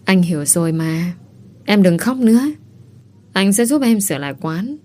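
A woman's voice: mid-range voice, lively intonation, moderate pace, a little mellow, close to an everyday voice. A woman voicing a young man who speaks in a soothing, reproving way.

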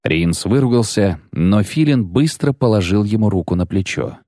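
A man narrating an audiobook in a steady, measured reading voice. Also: on the low side, dry recording, clean studio sound. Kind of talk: scripted narration.

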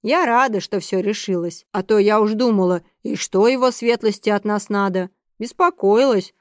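A woman voicing a brisk, scheming elderly countess who speaks curtly and matter-of-factly to her granddaughter. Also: medium pitch, dry recording, clean studio sound, natural voice.

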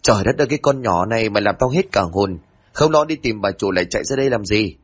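A man voicing a scolding but soft-hearted older household woman in a spoken ghost story, grumbling her lines. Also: lowish voice, animated, fast, husky.

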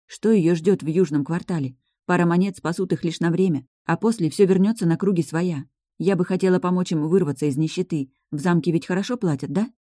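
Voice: mid-range voice, fairly quick, mellow, no echo, clean studio sound. A narrator reading a first-person fantasy novel aloud. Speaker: audiobook narrator.

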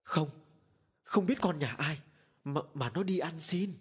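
A man's voice: a little high, lively intonation, a little slow, a little mellow, breathy edge, voice pushed up, exaggerated voice. A man doing a domineering old village man. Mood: frightened. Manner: barking and domineering, stammering when scared. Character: old rich village man, overbearing, then terrified. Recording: long hall reverb.

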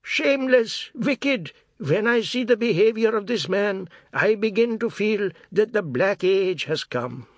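A man's voice: high voice, animated, a little slow, hardly any pauses, dry recording, pitched above the performer's own voice. A man voicing a cranky, bedridden old grandfather in a storybook reading, cracking with outrage. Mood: outraged.

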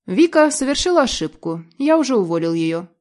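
A woman's voice: a little high, very animated, fairly quick, a little mellow. Woman narrator doing a cold controlling husband: icy, level, stern, never raises it. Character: cold, calm, domineering husband.

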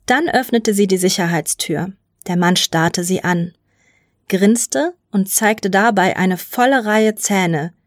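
A woman reading a science fiction short story aloud in an even, measured narration. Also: mid-range voice, no echo, clean studio sound. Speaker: story reader.

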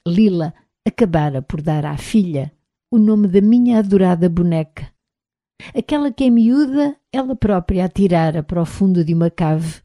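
A woman with a European Portuguese accent narrating an audiobook in a measured, even reading, recorded on a close mic. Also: on the low side, dry recording.

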